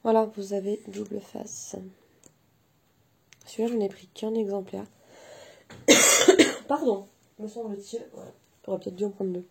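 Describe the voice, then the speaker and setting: Gravelly-voiced chatty woman vlogger. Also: mid-range voice, fairly even intonation, measured pace, long pauses, a little hiss or hum. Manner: chatty, hesitant with many fillers. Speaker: crafting vlogger; mother. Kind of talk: casual haul video chat.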